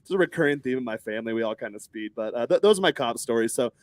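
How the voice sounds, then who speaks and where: Brief: man in his thirties from Texas, animated storyteller in a rapid, dry-sounding podcast chat. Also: mid-range voice, no echo. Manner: animated, acts out other people's lines in raised voices, swears freely.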